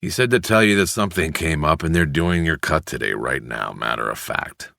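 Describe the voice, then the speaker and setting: Matter-of-fact male sergeant, deep voice, read by the narrator, dry recording. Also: expressive, brisk, creaky, sharp tone, no room sound, full character voice. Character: plain-spoken male police desk sergeant.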